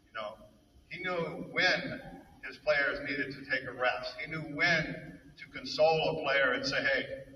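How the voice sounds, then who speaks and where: A man, a fellow coach, giving a halting, emotional memorial speech full of reminiscences. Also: medium pitch, bright, forceful tone, a little hiss or hum. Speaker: eulogy speaker, fellow coach. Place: hall at a memorial service. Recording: echoey hall from far off.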